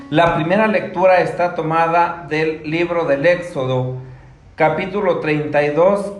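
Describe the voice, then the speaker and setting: A man speaking as a priest, giving a solemn scripture reading and homily in a measured, formal way. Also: fairly high pitch. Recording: echoey room, soft guitar music behind.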